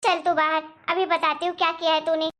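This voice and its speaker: A furious, very high-pitched cartoon mother-in-law scolds and wails, voiced by a woman. She is strict and sharp-tongued, always on the attack. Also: level tone, measured pace. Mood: shrieking. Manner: shrieking, scolding. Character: shrill angry older mother-in-law. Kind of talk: animated story voice acting.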